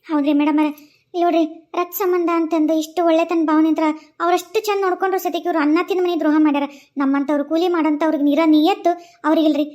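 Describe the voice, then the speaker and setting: A woman doing a loud indignant village woman. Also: extremely high pitch, fairly even intonation, fast talker. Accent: North Karnataka Kannada.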